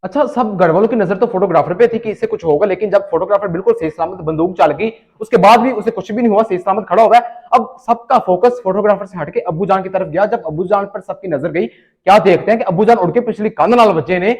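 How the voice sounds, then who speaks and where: A man with a Punjabi accent telling a funny story in a casual, animated way, switching into Punjabi for the quoted lines. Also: high-pitched, fast, dull audio. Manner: animated, switches between Urdu narration and Punjabi quoted dialogue. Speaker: comic storyteller.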